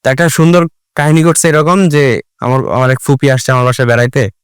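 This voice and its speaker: Male podcast host, smooth clear voice, dry studio sound, lively storyteller. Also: mid-range voice, fairly quick, no room sound. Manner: animated storyteller, mixes English into Bengali. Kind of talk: casual storytelling chat.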